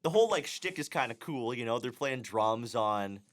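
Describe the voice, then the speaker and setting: A man's voice: mid-range voice, moderate pace. A young man with a Canadian accent co-hosting a podcast, talking casually with many fillers. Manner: relaxed, filler-heavy talk. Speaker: podcast co-host. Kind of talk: casual chat.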